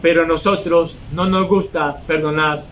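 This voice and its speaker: Emphatic high-voiced preacher. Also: male voice, fairly even intonation, moderate pace, a bit bright, slight background noise, poor audio. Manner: emphatic preaching, mocking hypocrites in mimicked asides. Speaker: pastor. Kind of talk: sermon.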